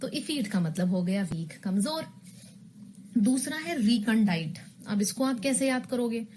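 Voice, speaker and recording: Woman, English teacher, online lesson, fairly high voice, explains with memory tricks, faint hiss. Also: animated, unhurried, darkish tone. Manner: explains with memory tricks, asks students questions. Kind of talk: online exam-prep lesson. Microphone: recorded lesson.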